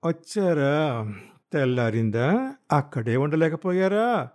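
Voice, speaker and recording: Man putting on a shrill, accusing jealous wife. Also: animated, brisk, dark tone. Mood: accusing, wailing. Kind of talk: audiobook character voice.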